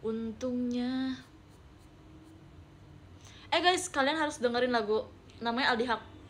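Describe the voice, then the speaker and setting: A woman's voice: on the high side, unhurried, slight background noise. A young woman streaming live, chatting playfully with viewers and reading their messages, with English words mixed into her talk. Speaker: livestreamer reading viewer chat. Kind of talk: casual live-stream chat.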